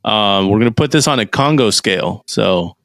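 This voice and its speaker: A man hosting a casual podcast chat in a studio, talking in a laid-back, halting way with many fillers. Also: on the low side, expressive, vocal fry, fairly bright tone, no echo. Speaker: podcast host.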